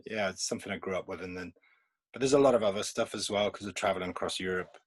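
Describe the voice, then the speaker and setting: A husky, low-pitched man talks quickly as a guest on a casual remote podcast, rambling and laughing often between thoughts. He is a comics artist from England whose first language is Polish, and there's no echo on the recording.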